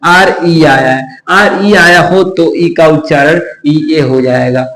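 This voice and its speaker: A man's voice: fairly high pitch, a bit bright. A man teaching English pronunciation, spelling words out letter by letter and answering his own rhetorical questions. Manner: slow, repetitive explaining. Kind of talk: classroom-style lesson. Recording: echoey room.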